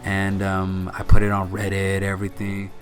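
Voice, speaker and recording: A young man with a fairly low voice tells a story to his viewers in a loose, rambling way. He restarts his sentences and keeps repeating "like". Quiet music plays faintly behind him. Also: monotone, normal speed. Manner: rambling, repeats words, lots of likes and fillers. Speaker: channel host. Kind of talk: casual vlog storytelling.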